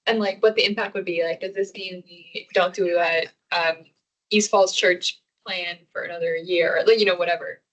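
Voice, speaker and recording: A woman's voice: fairly low pitch, fairly even intonation, moderate pace, poor audio. Woman asking questions in a meeting. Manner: casual, questioning. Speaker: housing commission member. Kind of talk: public meeting discussion.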